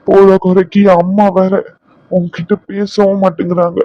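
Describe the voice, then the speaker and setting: A man voicing a tender, remorseful young husband in a cartoon drama, talking slowly and pleadingly. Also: high voice, level tone, no echo, dull audio, natural voice. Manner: soft, pleading, slow and emotional.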